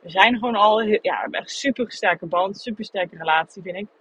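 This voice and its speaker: A woman's voice: mid-range voice, brisk, a bit bright, a little hiss or hum. A woman hosting a podcast, speaking candidly and thinking aloud in a reflective personal monologue. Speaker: podcast host. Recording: dull lo-fi recording.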